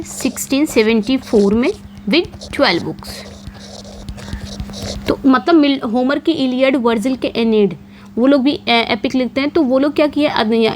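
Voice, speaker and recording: A woman teaching English literature for an exam, posing questions and answering them herself. She repeats key points and reads the English quiz questions slowly. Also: sits high, a little hiss or hum. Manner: repeats key points with frequent check-ins. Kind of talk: exam-prep lecture.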